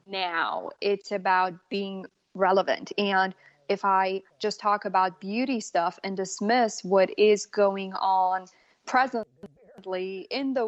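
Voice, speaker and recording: A woman in her forties, born in Bosnia and raised in Germany, speaking as an as a makeup artist guest on an interview podcast, unhurried and earnest. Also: mid-range voice, no echo, highs cut off. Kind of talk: casual interview talk.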